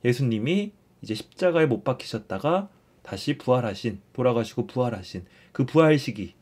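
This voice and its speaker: A young man leads a relaxed catechism lesson in an easy, conversational way. He restates his points and keeps nudging listeners along with a prompting "so". His voice sits at a mid pitch for a man. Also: moderate pace, slightly rough. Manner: explains warmly, repeats phrases, often starts with "자".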